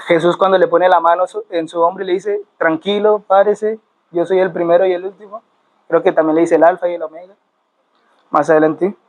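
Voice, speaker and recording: Pastor guy, high voice, teaching a sermon, repeats himself and quizzes the church. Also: low-quality recording. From Colombia. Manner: explains words step by step, repeats phrases, asks the congregation questions. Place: church sanctuary.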